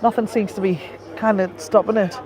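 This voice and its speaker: A woman's voice: mid-range voice, fairly even intonation, fairly quick, a little mellow, some chatter behind. A woman co-hosting a casual live stream outdoors, chatting and laughing easily. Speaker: co-host. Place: outdoors in a seaside town.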